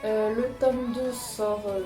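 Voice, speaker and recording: A woman's voice: a little high, level tone, slow pace. A young woman chatting casually about her manga purchases, hesitant and full of fillers and restarts. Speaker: manga vlogger. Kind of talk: casual chat showing purchases. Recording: echoey room with music behind.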